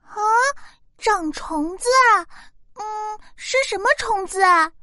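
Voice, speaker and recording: Storybook bunny girl, very high and bright, dry close sound, childlike and dramatic. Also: slow pace, no room sound, heavily acted. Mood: curious. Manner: childlike, whiny, excitable outbursts. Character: little girl rabbit, curious, easily scared, dramatic.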